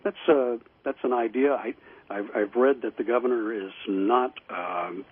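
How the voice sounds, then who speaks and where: A man speaking as an interview guest over the phone, explaining in a halting, measured way. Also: medium pitch, breathy edge. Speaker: radio guest, statehouse show host. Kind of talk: interview commentary. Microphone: telephone call. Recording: tinny, muffled phone line.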